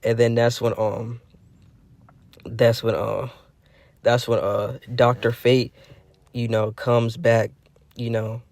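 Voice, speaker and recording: A young man telling a fan-made story off the cuff, rambling and restarting as he goes. His voice sits at an ordinary male pitch. The sound is dry and close, with no room echo. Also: level tone, slow, long pauses, a little mellow. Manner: rambling, heavy fillers and restarts. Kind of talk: casual improvised storytelling.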